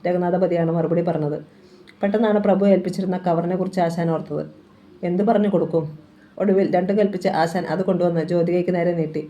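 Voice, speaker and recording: A woman narrates a crime thriller in a low, mellow voice. Her reading is dramatic, and she lifts her voice at the story's tense moments. The delivery is steady and scripted. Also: fast, muffled recording. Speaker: novel reader.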